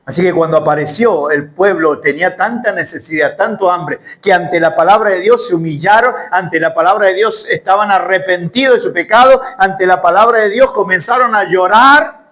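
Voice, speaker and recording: Preacher, male, high-pitched voice, emphatic sermon delivery with rhetorical questions. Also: moderate pace, hardly any pauses, a bit bright, poor audio. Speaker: Bible teacher.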